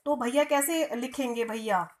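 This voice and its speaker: A woman's voice: high-pitched, measured pace, fairly bright tone. A woman teaching a grammar lesson to children, often asking questions and answering them herself, and stretching out sounds to demonstrate them. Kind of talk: online Hindi grammar lesson.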